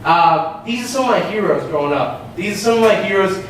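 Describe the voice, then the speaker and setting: A young man raised in Shanghai, giving an animated opening talk at a design meetup, telling personal stories with frequent filler "uh". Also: high-pitched, a little fast, far from the mic, slight background noise. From Nepal-born, raised in Shanghai, China. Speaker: meetup host and speaker. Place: event space with an audience. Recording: very echoey hall, voice from afar.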